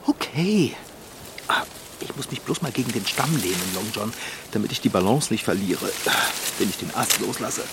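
A man's voice: fairly low pitch, lively intonation, normal speed, background noise. A man playing a nervous, easily flustered bike tinkerer in a children's radio play. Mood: fretful.

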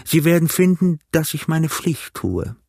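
A man's voice: fairly high pitch, very animated, measured pace, gravelly, darkish tone, no room sound, clean studio sound, voice pushed up, heavily acted. A man voicing a stern, curt ship captain in an audiobook reading, clipped and commanding.

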